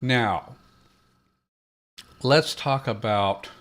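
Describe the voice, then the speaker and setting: Slow, hesitant man thinking aloud. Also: medium pitch, fairly bright tone. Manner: slow, hesitant, many fillers and restarts. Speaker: podcast host. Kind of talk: thinking aloud while building a language.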